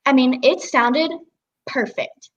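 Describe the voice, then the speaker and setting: A woman's voice: high-pitched, takes it slowly, highs cut off. A teenage girl chatting as an interview guest about her voice-acting work, giggly and full of "like" fillers. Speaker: guest, young voice actress. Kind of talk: casual interview chat.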